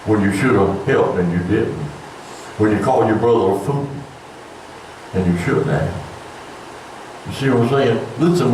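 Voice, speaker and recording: Older preacher in an echoey hall. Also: male voice, on the low side, a little mellow. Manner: folksy, conversational preaching with rising emphatic bursts. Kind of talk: sermon. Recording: echoey church room from far off, faint room noise.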